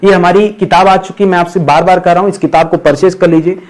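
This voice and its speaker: A man's voice: high voice, steady tone, fast talker, a little mellow. A man teaching an exam-prep video lesson, repeating each word, asking himself questions and checking in with viewers. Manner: repeats words and asks himself rhetorical questions; keeps addressing viewers as friends. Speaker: Hindi grammar teacher.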